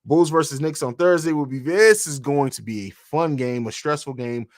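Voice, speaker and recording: A man's voice: on the high side, moderate pace, no room sound, studio quality. A man hosting a live stream, chatting casually and answering viewer comments with frequent fillers. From grew up in Italy and Germany. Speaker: podcast host.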